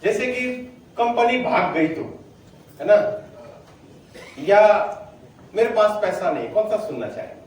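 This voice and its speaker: A man leading a motivational sales training on stage, energetic and drilling his audience to answer loudly. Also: high voice, unhurried, pauses often, slight background noise. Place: hall with a stage. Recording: very echoey hall, voice from far off.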